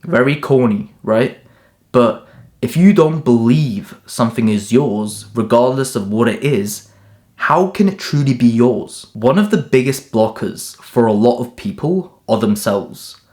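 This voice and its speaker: Born in Turkey and raised in England, a young man delivers a scripted self-help monologue that is direct and motivational, built from short punchy lists. His medium-pitched voice is a little mellow, with lively intonation and a measured pace.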